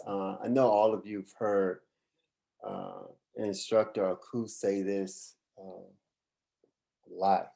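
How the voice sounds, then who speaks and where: A man leading a class discussion, slow and deliberate, with short acknowledgments to the group. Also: lowish voice, warm tone. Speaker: discussion leader.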